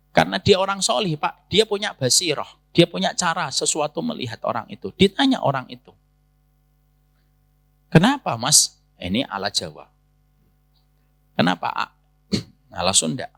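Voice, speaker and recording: A man's voice: a little high, big pitch swings, normal speed, gravelly, pushed and bright, dry recording. A middle-aged man preaching in a mosque with an Indonesian accent, telling a story and acting out its dialogue while addressing the men listening. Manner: addresses listeners as Pak, acts out quoted dialogue. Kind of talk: sermon storytelling.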